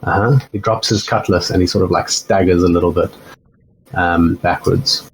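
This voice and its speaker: Low-voiced man running a tabletop game. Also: steady tone, moderate pace, a little hiss or hum, rough recording. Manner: rambling, filler-heavy narration with self-corrections. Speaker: game master.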